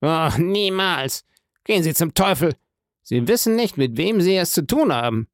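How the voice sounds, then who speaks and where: A man voicing a haughty, indignant rich gentleman in an audiobook, with imperious, exasperated outbursts. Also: a little high, lively intonation, normal speed, creaky, no echo, clean studio sound, pitched above the performer's own voice. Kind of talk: audiobook character voice.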